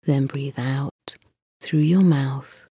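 Slow, low-voiced woman guiding meditation. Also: steady tone, breathy edge, no room sound, clean studio sound. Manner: slow, soft and soothing, with pauses. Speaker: meditation guide. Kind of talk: guided mindfulness meditation.

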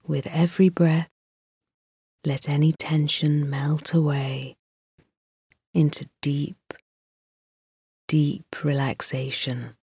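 Woman, slow soft meditation voice, low and dark, breathy, dry close sound. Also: fairly even intonation, no echo. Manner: slow, soft, soothing, drifting into whispers. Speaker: meditation guide. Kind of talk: guided sleep meditation.

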